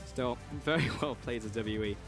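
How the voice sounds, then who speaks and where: A man doing live play-by-play commentary of an esports match, with an excitable manner. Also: medium pitch, normal speed, over music.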